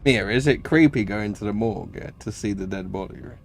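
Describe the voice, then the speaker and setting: A man's voice: lowish voice, fairly quick, a little hiss or hum. A man giving casual let's play commentary, thinking aloud and often checking himself with tag questions. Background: game music.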